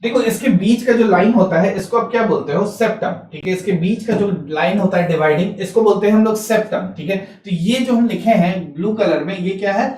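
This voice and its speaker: High-voiced teacher in an echoey room. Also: male voice, a little mellow. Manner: repeats "ठीक है" constantly, asks and answers own questions; mixes English terms into Hindi, spells words out slowly. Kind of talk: exam-prep science lecture. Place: classroom or small studio, writing on a board. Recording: echoey room, mic some distance off.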